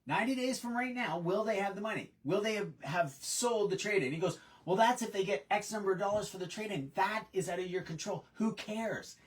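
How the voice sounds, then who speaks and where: In a sales training talk, a man with a high, fairly quick voice barely pauses as he tells stories, animatedly acting out what customers and trainees said. He sits far from the mic, and the audio is poor.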